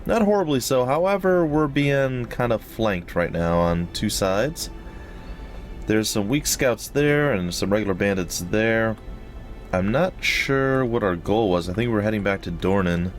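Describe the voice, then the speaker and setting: A man with a slightly wheezy, breathy-noisy voice giving casual, rambling, jokey commentary as host of a gaming let's play. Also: fairly low pitch, expressive, unhurried, soft background music. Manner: rambling, jokey, repeats phrases for effect.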